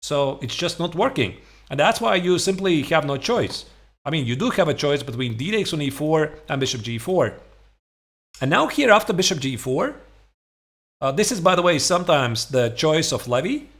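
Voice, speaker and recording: Lively, higher-voiced man teaching chess. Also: normal speed. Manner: conversational, emphatic, rhetorical check-ins like "right?". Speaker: chess coach and streamer. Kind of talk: instructional chess commentary, explaining opening lines. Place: small home room, indoors.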